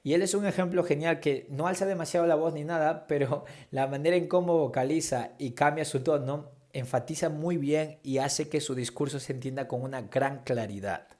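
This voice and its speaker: A man's voice: on the high side, moderate pace, few pauses, darkish tone. A man teaching a preaching workshop, explaining public speaking techniques in a conversational way and acting out examples of tone and gesture. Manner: conversational, demonstrates tones and gestures while explaining. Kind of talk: instructional talk on public speaking.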